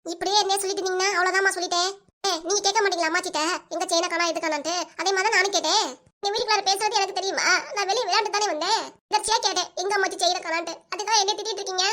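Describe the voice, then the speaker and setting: This is a sulky little girl in a cartoon, whining and arguing back as voiced by a woman. Her voice is very high and rushes along at a breathless clip. She has a southern Tamil accent. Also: steady tone, pushed and bright. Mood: whiny defiant. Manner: whiny, defiant back-talk.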